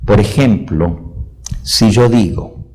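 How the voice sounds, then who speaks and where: A man's voice: on the low side, takes it slowly, darkish tone. A male pastor preaching a sermon, explaining point by point with repeated everyday examples. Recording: long reverb of a hall.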